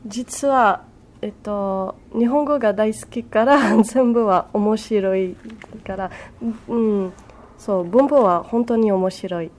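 A woman's voice: medium pitch, slow pace, darkish tone. Woman answering in simple learner phrasing. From France. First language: French. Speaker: guest, language learner. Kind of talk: interview answers.

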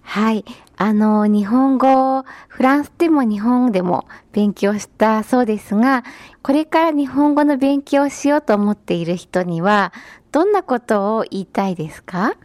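A woman's voice: fairly high pitch, moderate pace, a little mellow, no echo. A woman hosting a radio interview show, formal, courteous and encouraging as she asks her guest questions. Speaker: radio host.

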